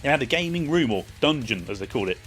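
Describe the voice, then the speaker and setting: A man's voice: mid-range voice, animated, fast, over loud music. A man giving a casual, chatty spoken review of a festival, loose and full of ums and uhs. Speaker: vlogger reviewing a metal festival.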